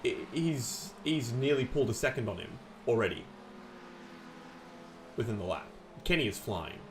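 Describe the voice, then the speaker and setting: A man's voice: mid-range voice, animated, normal speed, slight background noise. Teasing male race co-commentator. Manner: teasing, playful banter. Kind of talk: sim racing commentary.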